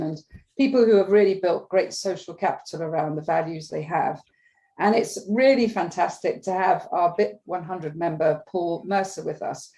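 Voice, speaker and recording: Warm-voiced enthusiastic woman host. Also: on the low side, low-quality recording. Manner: enthusiastic, hesitant with many ums. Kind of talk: livestreamed business chat.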